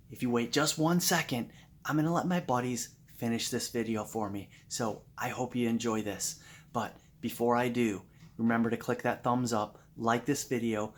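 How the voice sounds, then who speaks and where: A man hosting his own cooking video, chatty and upbeat, talking through each step at an outdoor grill. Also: medium pitch. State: eyes runny from grill smoke. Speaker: cooking channel host. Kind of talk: casual cooking how-to vlog.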